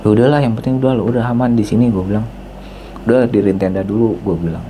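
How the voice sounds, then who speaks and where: A man tells a story in a loose, casual podcast chat. He acts out the dialogue lively, jumping up in pitch for the quoted voices. His tone is dark and mellow, with a faint hiss of noise behind. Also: fast.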